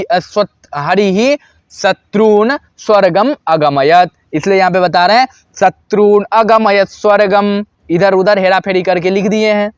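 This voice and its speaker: High-voiced man teaching grammar, asks and answers. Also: no echo, lo-fi sound. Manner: asks questions and answers them himself, repeats examples. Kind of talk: explaining grammar lesson.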